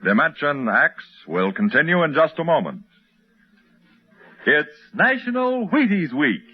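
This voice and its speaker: A man's voice: fairly high pitch, huge pitch swings, measured pace, husky, faint music behind. An American man working as an old-time radio announcer, delivering playful, showman-like commercial banter. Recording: muffled vintage radio broadcast.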